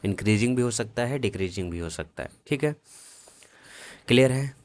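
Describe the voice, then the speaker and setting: A man's voice: medium pitch, expressive, moderate pace, dry recording. A man teaching an exam-prep math lesson, working through problems step by step and often checking that his students follow, in a casual, familiar tone. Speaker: math tutor.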